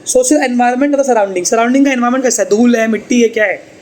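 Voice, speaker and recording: A man's voice: very high-pitched, brisk, rough recording. A man teaching a tuition class, chatty and teasing as he explains. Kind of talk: classroom lecture.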